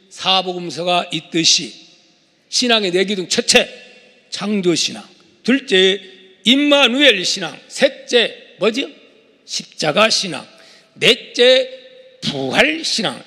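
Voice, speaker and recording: Male pastor, high and lively voice, call-and-response sermon, long church-hall echo. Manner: call-and-response preaching, shouting for emphasis. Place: church sanctuary.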